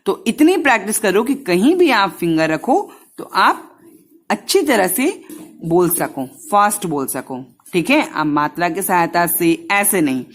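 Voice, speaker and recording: A woman teaching young children a lesson, drawing out each syllable and repeating drills, speaking to them directly and gently. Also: fairly low pitch, expressive, measured pace.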